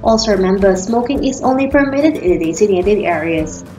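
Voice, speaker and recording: Female flight attendant announcer, Filipino accent, courteous scripted read, average pitch, echoing room with background music. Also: expressive, brisk, dark tone. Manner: formal, polite scripted flight attendant delivery. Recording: roomy echo, background music. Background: faint to clear music.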